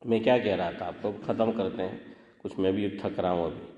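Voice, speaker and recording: A man's voice: sits low, steady tone, warm tone, muffled recording. A man preaching in a conversational way to a gathering, often questioning his listeners and chanting verses. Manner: conversational, questions the audience, sings Arabic verses. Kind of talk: informal religious talk to a gathering. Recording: echoey hall with long reverb.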